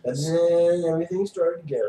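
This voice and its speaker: A man co-hosting an improvised comedy show, speaking in slow, drawn-out deadpan. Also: fairly high pitch, reverberant, far from the mic. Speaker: comedy co-host.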